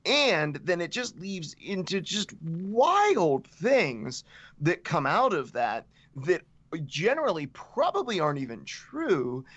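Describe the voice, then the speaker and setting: A man's voice: high-pitched, huge pitch swings, takes it slowly, a bit bright, no echo. Earnest man on a dull dry mic. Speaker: podcast co-host. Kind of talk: casual podcast discussion.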